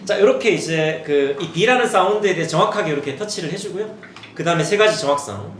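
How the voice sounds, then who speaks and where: Lively man presenting in an echoey hall. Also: fairly high pitch, brisk. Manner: demonstrative, switches into a lively teacher voice for children. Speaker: education director presenting to parents. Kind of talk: seminar presentation. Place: seminar hall. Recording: echoey hall with faint room noise.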